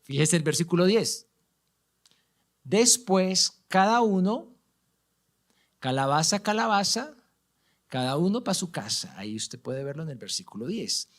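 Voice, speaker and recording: Animated Colombian pastor, slow and dramatic. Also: male voice, a little high. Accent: Colombian Spanish. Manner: dramatic, swings from loud emphasis to hushed whispers. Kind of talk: sermon reading scripture aloud. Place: church.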